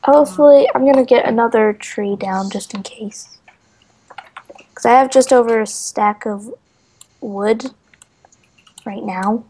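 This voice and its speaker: Give a woman on voice chat, chatty and giggly as she plays, often restarting her sentences. Her voice sits slightly high and sounds a bit worn. She keeps it relaxed and friendly. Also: unhurried, pauses often, slight background noise. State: losing her voice. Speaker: Minecraft player. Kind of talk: casual gaming chat.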